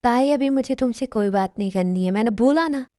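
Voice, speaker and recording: A woman's voice: on the high side, lively intonation, moderate pace, mellow, no echo, studio quality, lightly acted. A woman voicing a caring young male college student in an amateur dubbed love story, talking in an earnest, soothing way. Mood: curt.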